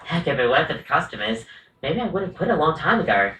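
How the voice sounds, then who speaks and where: A woman's voice: deep voice, sing-song, quick pace, a bit bright, reverberant, recorded from a distance, a little hiss or hum, low-quality recording. A woman voicing a rambling, coffee-obsessed female coffee machine barista in a video game, often apologizing and correcting herself.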